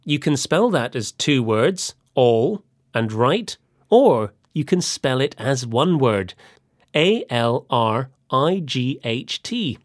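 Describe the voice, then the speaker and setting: Guy presenting a spelling lesson, lively voice, dry sound, soft music under it. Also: mid-range voice, takes it slowly, dry recording. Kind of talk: scripted language lesson.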